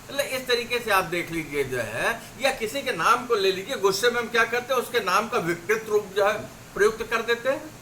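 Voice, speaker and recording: A man giving an academic lecture on linguistics, slowly reading out word pairs as examples. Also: sits high, expressive, bright, forceful tone, slight background noise, poor audio. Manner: slow, deliberate, reads out word pairs as examples.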